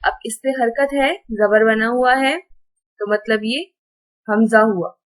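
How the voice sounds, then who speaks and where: A woman teaching a Quran reading lesson, gently chanting syllables one by one with patient explanations. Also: a little high, steady tone, slow pace, low-quality recording. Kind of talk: slow syllable-by-syllable recitation lesson.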